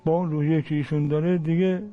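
Middle-aged father recounting a loss, voice a touch high, dull lo-fi audio with faint music. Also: little pitch movement. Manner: plain, halting storytelling, moved. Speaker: father of a fallen soldier. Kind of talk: emotional personal recollection.

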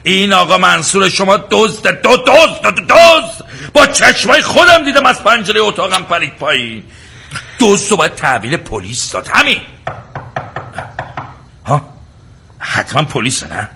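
A man's voice: medium pitch, very animated, bright, forceful tone, husky, exaggerated voice. An actor playing an indignant male guest at a village inn who insists, exasperated, on his accusation.

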